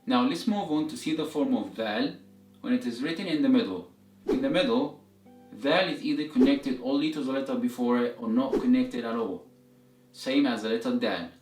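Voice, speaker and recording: A man's voice: medium pitch, a little mellow. Man teaching a language lesson, roomy echo. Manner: methodical, repeats examples slowly for learners. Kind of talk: instructional lesson, step-by-step explanation. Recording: roomy echo, distant mic, music behind.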